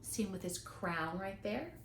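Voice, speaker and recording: In an echoey, roomy recording, a woman with an animated mid-range voice reads a picture book expressively to young children. She draws out her delivery dramatically, stressing key words and adding chatty asides.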